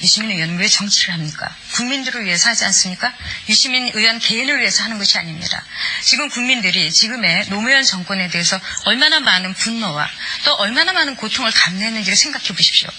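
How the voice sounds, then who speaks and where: A woman's voice: on the high side, sharp tone, slight background noise. A woman on a debate panel, formally and pointedly challenging an opponent in an accusatory way. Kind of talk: televised political debate.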